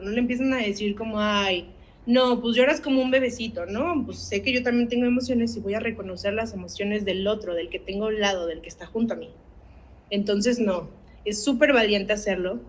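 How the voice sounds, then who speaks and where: A woman's voice: a little high, fairly bright tone, rough recording. Earnest woman teaching parents. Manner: earnest, asks the audience rhetorical questions, tags with "¿no?". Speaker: academic coordinator leading a parenting workshop. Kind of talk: parenting workshop talk.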